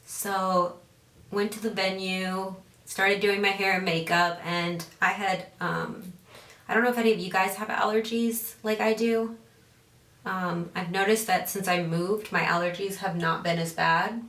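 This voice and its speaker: This beauty vlogger sounds medium-pitched, steady, a little slow and a bit bright as she chats through her makeup routine. She keeps losing her thread and circling back, and the far-off mic captures a roomy echo.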